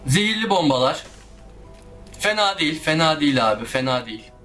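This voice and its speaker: A high-voiced man narrating his own gameplay, easily riled, cursing and pleading with the game. Faint game music plays under his voice. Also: big pitch swings, brisk, bright, forceful tone. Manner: frustrated, swears often and talks to the game. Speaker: gaming YouTuber. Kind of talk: casual let's-play commentary.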